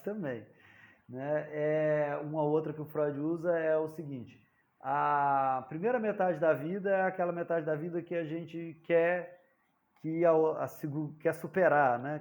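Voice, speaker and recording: A man's voice: fairly high pitch, darkish tone. A man giving an informal lecture, talking conversationally, dropping frequent tag questions and acting out the dialogues of jokes. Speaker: psychoanalysis lecturer.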